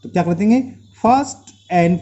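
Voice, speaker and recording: A man with an Indian accent teaching maths in a dark, mellow but high-pitched voice that swings widely. He speaks slowly, quizzing the class and repeating each term, with slight trouble speaking from mouth sores. The recording sounds dull and lo-fi. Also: animated. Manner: asks the class rhetorical questions, drills terms by repetition. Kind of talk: explanatory classroom lesson.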